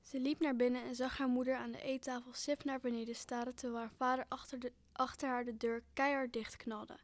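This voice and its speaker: A woman's voice: a little high, little pitch movement, a little fast. A young woman reading a homemade children's story aloud, with plain, earnest expression.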